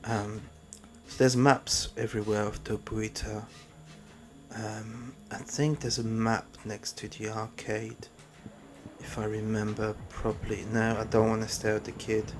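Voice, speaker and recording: A man with a fairly low voice who rambles and reminisces while commentating on a game. He often speaks softly. Clear noise sits under his recording. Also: level tone, a little slow. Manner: rambling, reminiscing, soft-spoken. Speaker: let's play commentator.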